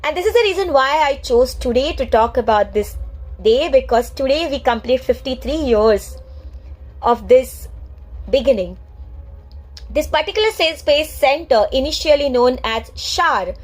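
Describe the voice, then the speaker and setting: High-voiced earnest Indian woman. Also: darkish tone, rough recording. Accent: Indian English. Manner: earnest and heartfelt, proud. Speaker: space science storyteller. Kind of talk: scripted storytelling vlog.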